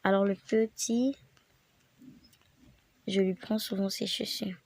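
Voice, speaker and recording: Congested with a cold, a female gaming creator meanders through a relaxed tutorial, now and then dropping to a whisper. She speaks slowly at a medium pitch, in a steady, creaky tone.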